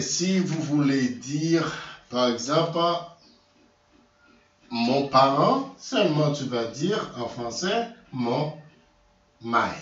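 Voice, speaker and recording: Slow man teaching from across an echoey room. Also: mid-range voice. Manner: slow, repeats words, self-corrects, stresses key words. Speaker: language teacher. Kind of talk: slow multilingual vocabulary lesson. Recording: distant echoey room, dull lo-fi sound.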